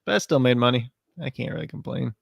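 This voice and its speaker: A man from Illinois co-hosting a fantasy sports show in relaxed, chatty talk that often trails off mid-sentence. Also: medium pitch, quick pace, gravelly, breathy edge, no echo, studio quality. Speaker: fantasy sports podcast co-host. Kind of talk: casual chat.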